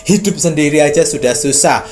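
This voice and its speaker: A man's voice: fairly high pitch, fairly quick, darkish tone. A male host, chatty and affirming, prompting the guest and addressing viewers. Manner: affirming, chatty, East Javanese slang "Rek". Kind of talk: talk show hosting.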